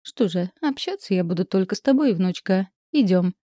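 A woman's voice: mid-range voice, animated, moderate pace, dark tone, no room sound, natural voice. A woman reading the part of a cold, domineering old grandmother in an audiobook, speaking curtly. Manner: curt, domineering. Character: stern cold old grandmother, ruling matriarch.

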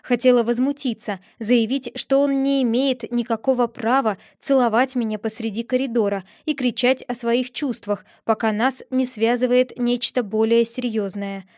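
A woman's voice: on the high side, fairly even intonation, moderate pace, few pauses, darkish tone, no room sound, clean studio sound. A woman reading a novel aloud in the first person, with tense, breathless storytelling. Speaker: audiobook narrator.

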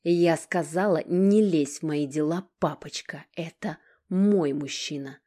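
Woman reading a bitter young woman, sharp and loud, low husky voice. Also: unhurried. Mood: furious. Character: angry, bitter young woman snapping at her father.

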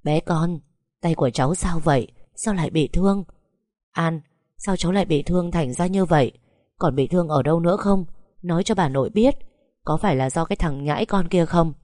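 A grandmother past eighty, doting on her grandchild and quick to scold anyone who harms her, voiced by a woman. Her voice sits low and warm, and the delivery is dry and close. This is a storybook reading. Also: dry recording, natural voice. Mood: worried. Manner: fussing, scolding. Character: old grandmother over eighty, doting and fierce.

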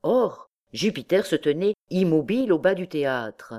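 A woman narrating a classic novel as an audiobook in a measured, steady way. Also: lowish voice.

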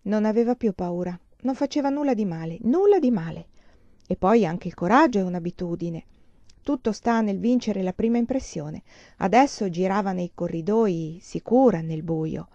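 A woman reading a novel aloud in a calm, measured way, on a slightly dull lo-fi recording. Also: mid-range voice, no echo. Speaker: audiobook reader. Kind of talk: literary audiobook narration.

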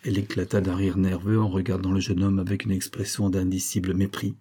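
A man reading a classic novel aloud in a measured, dramatic narration. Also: sits low, level tone, mellow, slightly rough. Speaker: audiobook reader.

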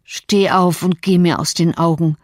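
A woman's voice: lowish voice, steady tone, measured pace, no room sound, clean studio sound, close to an everyday voice. A woman reading an audiobook, voicing a grief-stricken, violent man who mutters his threats. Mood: muttering. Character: grieving, menacing man, brooding and violent. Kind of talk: audiobook character voice.

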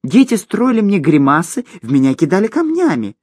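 A tiny boastful gnome squeals and whines in a high, squeaky voice. The pitch leaps wildly about, and the storybook reading sounds dry and close. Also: male voice, huge pitch swings, fairly quick, a little mellow, no room sound, heavily acted. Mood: pleading. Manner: high squeaky wailing, melodramatic. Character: shrill tiny boastful male gnome, whiny thief.

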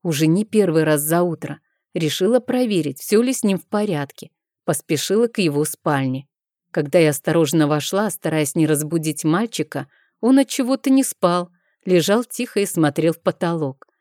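Woman reading an audiobook, soft and measured, lowish mellow voice, dry close mic. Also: no room sound. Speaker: audiobook narrator. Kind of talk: first-person audiobook narration.

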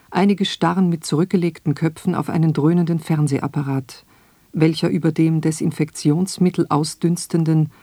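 A woman reading her own radio essay in a slow, measured, reflective way. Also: sits low, mellow, no echo. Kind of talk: scripted radio essay narration.

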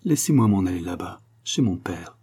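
A man's voice: low voice, expressive, moderate pace, creaky, warm tone, breathy edge, exaggerated voice. A man voicing a distraught young woman who pleads through tears in a read-aloud novel. He gives her a tearful, imploring delivery. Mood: pleading.

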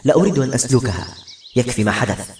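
A man voicing a firm, steady male novelist in an audiobook. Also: mid-range voice, very fast, natural voice. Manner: firm and controlled. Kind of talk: audiobook narration. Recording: roomy echo.

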